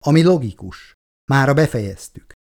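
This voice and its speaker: A man voicing a stern, commanding man who speaks curtly and firmly, in a low voice. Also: animated, a little mellow, close to an everyday voice.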